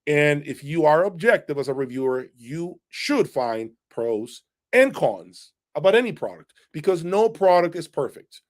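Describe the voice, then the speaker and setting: Answering viewer questions live and unscripted, this man, an audio equipment reviewer who runs the channel, speaks emphatically and opinionatedly, often adding "okay?". His voice is on the high side with lively intonation, and he keeps a measured pace with few pauses.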